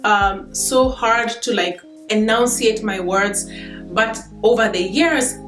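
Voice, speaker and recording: A Kenyan vlogger in her thirties, with a Kenyan accent, chats casually to camera with lots of fillers and easy laughter. Her mid-range voice is slow and a bit bright, and the room is echoey with faint guitar music.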